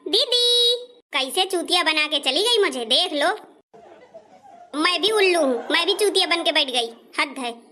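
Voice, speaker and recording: Woman as older mother-in-law, bossy and scolding, high bright voice, comic skit. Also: lively intonation, moderate pace, a faint crowd, slight background noise. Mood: angry. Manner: scolding, shouting, insulting.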